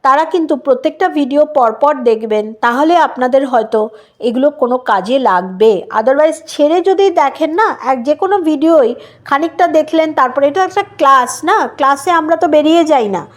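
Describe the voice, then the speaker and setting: A woman's voice: high voice, expressive, fairly quick. A woman with a Bengali accent teaching an English lesson, patiently spelling words out letter by letter and checking that her viewers follow. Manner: explains patiently, spells words letter by letter, often adds "right?". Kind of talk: casual spoken lesson.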